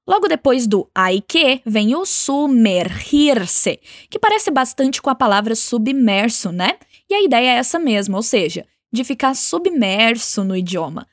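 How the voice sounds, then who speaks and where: A woman's voice: on the high side, no room sound, studio quality. Encouraging woman teacher modeling phrases. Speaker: language teacher. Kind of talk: spoken language lesson with repeat-after-me drills.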